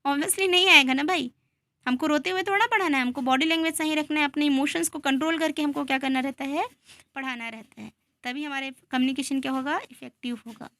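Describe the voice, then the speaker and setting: A woman's voice: high voice, a little fast, bright, forceful tone, no echo. A woman teacher giving a classroom lecture, switching between Hindi and English and answering her own questions as she explains.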